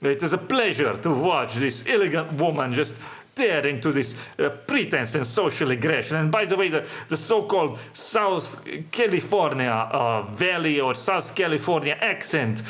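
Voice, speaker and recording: Halting, sardonic male monologue host. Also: fairly high pitch, animated, fairly bright tone. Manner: halting, many "uh" fillers, drops articles; sardonic, pronouncing. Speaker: podcast host. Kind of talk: solo monologue commentary.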